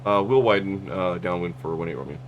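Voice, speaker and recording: Low-voiced man making pilot headset radio calls. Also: fairly quick, highs cut off, slight background noise. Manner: clipped radio readbacks. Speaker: virtual pilot in a flight sim.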